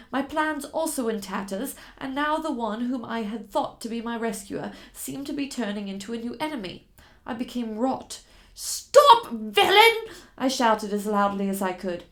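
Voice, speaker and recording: Woman reading a dramatic storybook. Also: fairly high pitch. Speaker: reader of a novel. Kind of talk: first-person storybook narration.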